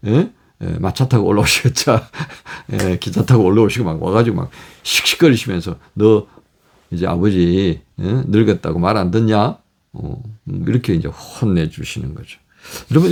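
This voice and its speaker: A middle-aged male pastor giving a daily devotional sermon, animated, acting out quoted speech. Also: on the low side, vocal fry, husky. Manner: animated, acts out God and fathers in quoted speech.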